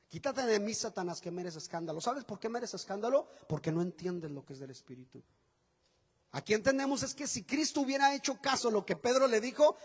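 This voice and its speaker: A man preaching a sermon as pastor, animated and folksy, acting out quotes with chatty asides to the congregation. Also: high voice, husky. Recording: long hall reverb.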